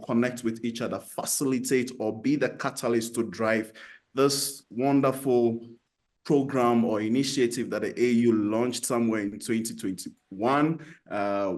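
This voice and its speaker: Man from ghana hosting an online forum, upbeat and chatty, lots of restarts, computer mic on a call. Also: mid-range voice. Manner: energetic, encouraging, with chatty restarts. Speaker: host.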